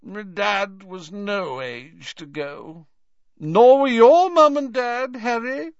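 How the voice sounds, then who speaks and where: A man's voice: fairly high pitch, expressive, slow, creaky, sharp tone, dry recording, highs cut off, voice pushed up, full character voice. A man voicing a huge, shaggy, drunken man who is tearful and sentimental, talking in a slurred, blubbering, grunting way in a storybook reading.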